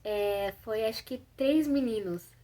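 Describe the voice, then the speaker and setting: A woman's voice: fairly high pitch, a little slow, warm tone. A young woman from Brazil telling a personal story in a chatty, self-conscious way, full of fillers. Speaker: vlogger.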